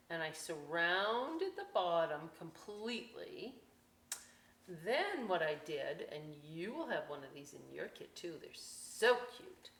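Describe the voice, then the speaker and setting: A woman hosts a children's library story time and craft demonstration, folksy and playful with chatty asides to young viewers. Her voice is lowish with a fairly bright tone, in an echoey room with some background noise.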